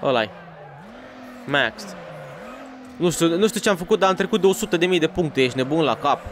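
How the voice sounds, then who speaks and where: A man playing a racing game for his channel, chatting in slangy, excitable bursts to himself and his viewers. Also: fairly high pitch, a little hiss or hum. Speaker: gaming YouTuber. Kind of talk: let's play commentary.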